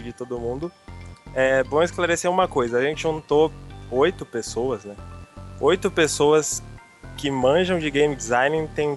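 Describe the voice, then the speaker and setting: A man with a Brazilian accent hosting a casual podcast, reading out listener questions in a relaxed, self-mocking way. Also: on the high side. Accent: Brazilian Portuguese. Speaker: podcast host.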